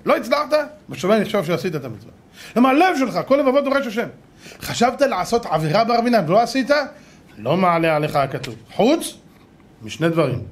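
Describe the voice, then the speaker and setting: A man, a rabbi, giving an animated Torah lesson, firing rhetorical questions at his audience and acting out stories. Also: sits high.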